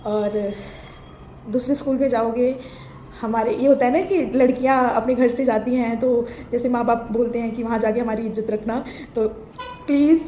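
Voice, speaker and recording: A woman's voice: a little high, dark tone. A woman teacher giving an emotional farewell to her students, mixing Hindi with English phrases. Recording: echoey room, faint noise.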